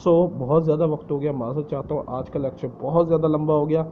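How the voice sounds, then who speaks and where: A man's voice: a little high, steady tone, narrow, tinny audio, slight background noise. A man teaching English in Urdu, often repeating words for emphasis and slipping in English phrases. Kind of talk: spoken lesson explaining English in Urdu.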